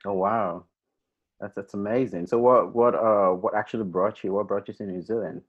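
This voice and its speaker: A man's voice: lowish voice, steady tone, moderate pace, husky, lo-fi sound. A man hosting a podcast interview in casual chat, enthusiastic and rambling, heard over a video call. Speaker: podcast host.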